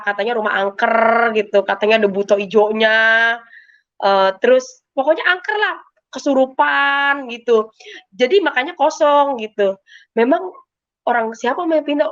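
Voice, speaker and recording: A woman's voice: fairly high pitch, fairly bright tone. A woman giving a personal faith testimony, telling her story emotionally in a casual, repetitive way. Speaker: testimony giver. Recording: muffled lo-fi sound.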